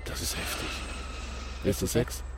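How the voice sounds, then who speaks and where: In a scripted radio drama, an actor plays a cool, flirtatious, insistent male gamer, speaking casually and with slang at a measured pace. His voice is close to everyday, with music and some background noise behind it.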